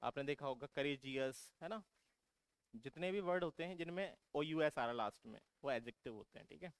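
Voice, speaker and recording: A man's voice: fairly high pitch, animated, brisk, clean tone, no room sound. A man teaching exam vocabulary who keeps asking his students questions and then answering them himself, calling them "beta". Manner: repetitive, drilling explanation. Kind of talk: vocabulary lesson for exam prep.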